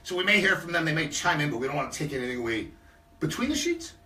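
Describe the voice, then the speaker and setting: Man, radio co-host, upbeat promo-style talk, lively pitch, bright tone, echoey studio, off-mic. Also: very fast, distant mic. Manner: upbeat, plugging events with laughs. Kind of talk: live radio show banter.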